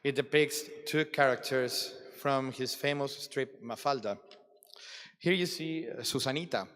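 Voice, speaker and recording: A man giving a formal, reflective address at a conference closing ceremony, with deliberate dramatic pauses. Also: mid-range voice, fairly bright tone. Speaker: ceremony speaker. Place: large hall at a ceremony. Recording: long reverb of a large hall.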